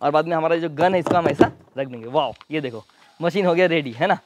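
A man casually reviewing and demonstrating a pressure washer, explaining each step quickly as he handles it. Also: a little high, heavy background noise. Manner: rapid, hands-on explaining while demonstrating. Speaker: product reviewer. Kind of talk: casual product demo and review.

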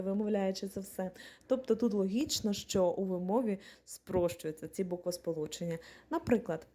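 A young adult woman teaching an exam-prep language lesson, spelling out letters and reading example words one at a time in a clear, deliberate way. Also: mid-range voice, mellow.

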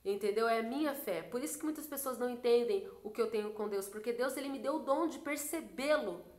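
A young woman from Brazil sharing a faith testimony in a casual, animated, emotional way. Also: fairly high pitch, a little fast. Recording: roomy echo.

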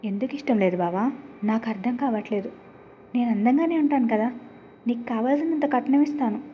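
A woman's voice: a little high, fairly quick, lo-fi sound, slight background noise, close to an everyday voice. A woman voicing a stubborn, possessive young woman who pleads with her cousin and then defies him. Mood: pleading. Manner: pleading, then defiant and arrogant.

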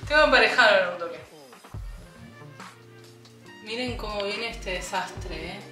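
A young woman with an Argentine accent, chatting casually as she cuts her own hair at home, a bit hoarse from a cough, self-mocking and thinking aloud. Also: medium pitch, normal speed, sharp tone, roomy sound, soft background music. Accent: Argentine Spanish. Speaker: beauty vlogger. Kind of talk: casual vlog chat. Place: home bathroom.

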